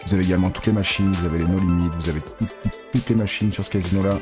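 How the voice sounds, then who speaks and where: Guy streaming slots, low voice, begging the reels and cursing, quiet music behind. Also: rapid-fire. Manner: excitable, pleads with the reels, swears. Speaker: casino streamer. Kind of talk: casual live commentary.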